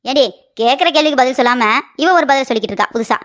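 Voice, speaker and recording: A woman voicing a sharp-tongued, scolding middle-aged mother-in-law in a cartoon comedy. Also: high voice, close to an everyday voice. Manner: rapid scolding and mocking.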